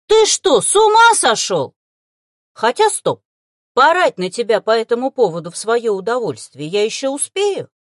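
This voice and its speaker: A woman voicing an anxious, quick-tempered woman, a half-trained necromancer, in an audiobook. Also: a little high, big pitch swings, dry recording, clean studio sound. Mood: furious. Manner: anxious, explosive.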